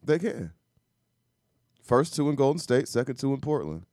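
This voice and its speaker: A man co-hosting a casual sports podcast, putting quick questions to his partner. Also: medium pitch, sing-song, mellow, no room sound, clean studio sound. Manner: quizzing, giggly. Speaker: podcast co-host.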